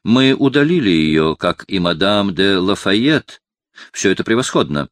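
Sly, measured friar-counsellor, read by a male audiobook narrator; low, dry. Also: sing-song, dry recording. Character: scheming Franciscan friar, calm and sly adviser. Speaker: audiobook reader voicing a character. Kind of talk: audiobook character reading.

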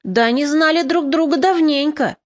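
A woman's voice: high-pitched, normal speed, pitched above the performer's own voice, close to an everyday voice. A woman reading an audiobook, voicing an easygoing male friend who speaks matter-of-factly. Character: casual male friend helping with a photo.

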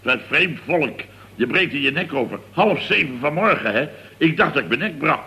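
A man's voice: a little high, animated, normal speed, bright, forceful tone. A man playing a put-upon, grumbling character in a 1960s radio comedy sketch, who rambles and stammers as he tells his story. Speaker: worker at a building firm.

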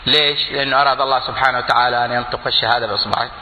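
A man preaching a sermon, impassioned, with loud exclamations and low asides, coughing now and then. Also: steady tone, rapid-fire, a little hiss or hum. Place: large hall before a crowd. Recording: echoey hall, long reverb, faint ambience.

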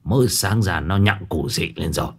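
A man voicing an irritable, foul-mouthed old landlord in a spoken ghost story, with a gruff, scolding manner. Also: sits low, normal speed, pitched below the performer's own voice, full character voice. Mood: grumbling. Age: older.

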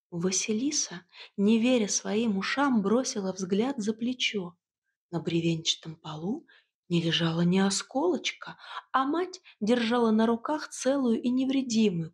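A woman narrating a fairy tale in a calm, even storytelling manner. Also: mid-range voice, breathy edge.

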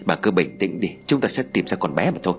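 A man reading an audio story, voicing an older father who calmly soothes his wife with sighs. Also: sits low, quick pace, faint music behind, pitched below the performer's own voice. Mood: soothing. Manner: sighing, steady and soothing.

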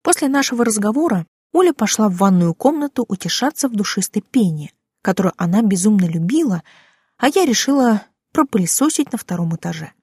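A woman narrating first-person fiction in a lively, expressive reading voice. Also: mid-range voice, brisk, husky, no echo, studio quality. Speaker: audiobook narrator.

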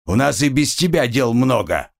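A man voicing a stern male soldier who barks short commands in a low voice. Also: normal speed, gravelly. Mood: commanding. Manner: curt, commanding, low and flat. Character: stern, gruff adult male soldier guard.

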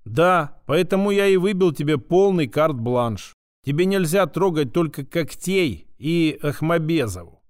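A man's voice: a little high, lively intonation, a little slow, no room sound, studio quality. A man voicing a sly, unflappable male official who speaks in a mocking, familiar drawl. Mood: mocking, firm.

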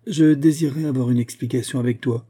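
A stern young man makes his challenge in clipped, indignant phrases. A man voices him in a storybook reading, in a dark, husky tone. He sounds earnest and firm. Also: mid-range voice, a little fast, close to an everyday voice.

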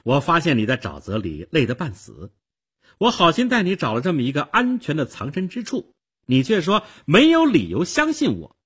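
A man's voice: a little high, wildly swooping pitch, moderate pace, breathy edge, pitched above the performer's own voice, heavily acted. A man voicing an indignant, stubborn teenage girl who scolds sharply in a storytelling performance.

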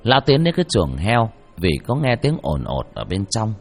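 A man narrating a ghost story in a dramatic, expressive way. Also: lowish voice, moderate pace, soft background music.

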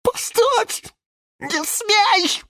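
A reader voicing a fussy, anxious male lemon tree in a children's audiobook, shrill and frantic. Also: animated, unhurried, no echo, studio quality. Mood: alarmed. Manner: shrill, frantic, often shouting or hissing.

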